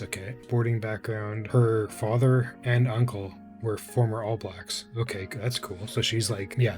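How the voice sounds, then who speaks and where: A man with an English Canadian accent talks through a reaction video in a loose, rambling way, often stopping to restart his sentences. His voice sits on the low side, with soft music playing faintly behind him. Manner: rambling and hesitant, many restarts. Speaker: reaction channel host. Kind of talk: casual reaction commentary.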